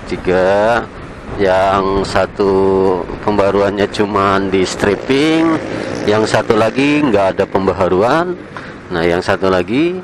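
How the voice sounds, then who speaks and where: A man chatting casually while riding a motorcycle, with relaxed slang and small chuckles, recorded on a helmet camera. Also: fairly low pitch. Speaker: motovlogger. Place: on a motorcycle in night city traffic. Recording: faint traffic noise outdoors.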